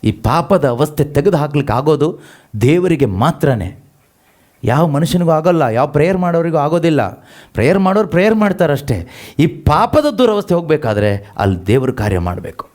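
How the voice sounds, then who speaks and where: A man's voice: fairly high pitch, sing-song, brisk, a little mellow. A man preaching a sermon, asking the congregation rhetorical questions and repeating scripture lines after them. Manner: has the congregation read verses aloud and repeats each line after them.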